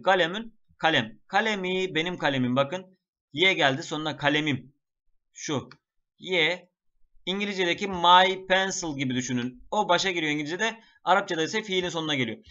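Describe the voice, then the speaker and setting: A man's voice: high voice, fairly quick, pushed and bright. A man teaching an exam-prep lesson step by step, chanting word lists in a sing-song melody. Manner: explains step by step, often addressing the class. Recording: dull lo-fi sound.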